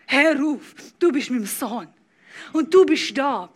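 A woman's voice: high voice, animated, takes it slowly. A woman preacher voicing a joyful, loving father who exclaims tenderly in a sermon.

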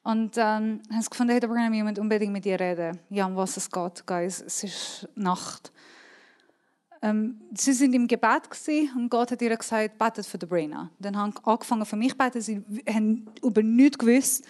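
Woman preacher, Swiss German accent, slightly high voice, earnest and emphatic sermon delivery, repeats key words, sometimes drops to a near whisper. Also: fast talker, few pauses, darkish tone.

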